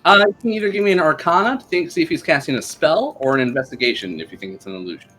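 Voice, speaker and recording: A man's voice: on the high side, animated, very fast, pushed and bright, faint music behind. A man narrating as game master of a tabletop game, in an easygoing, hesitant way. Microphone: streaming microphone.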